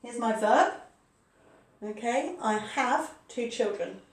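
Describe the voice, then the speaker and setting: A woman's voice: fairly high pitch, expressive, slow pace. Patient woman teacher in her forties. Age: 40s. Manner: patient, repeats points with frequent "okay". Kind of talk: recorded online grammar lesson. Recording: echoey room, voice a bit far from the mic.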